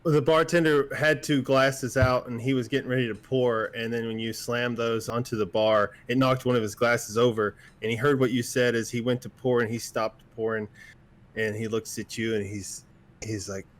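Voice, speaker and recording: A man's voice: medium pitch, fairly even intonation, normal speed. A man narrating as game master in a tabletop game, casual and rambling, full of fillers.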